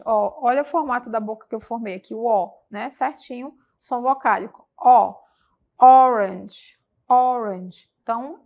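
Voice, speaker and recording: A woman with a Brazilian accent teaching a televised English lesson, patiently repeating words slowly for students. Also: a little high, fairly bright tone. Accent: Brazilian Portuguese. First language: Portuguese.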